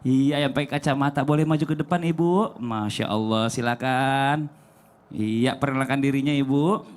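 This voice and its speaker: A man's voice: medium pitch, moderate pace. A man hosting a religious talk show in front of a studio audience, upbeat and calling for applause.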